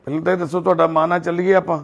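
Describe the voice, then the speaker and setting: A man, a charity volunteer speaking gently and reverently in a home as he makes an appeal and reassures an elderly couple. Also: on the high side, level tone, very fast, creaky. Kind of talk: on-the-spot appeal and consoling talk. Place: indoors at a family home.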